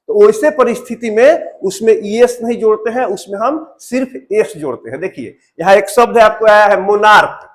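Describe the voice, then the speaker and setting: Guy with a high voice and teaching grammar, keeps asking "what do we do?" and answering. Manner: repetitive, asks questions and answers them himself. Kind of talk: classroom-style grammar lesson.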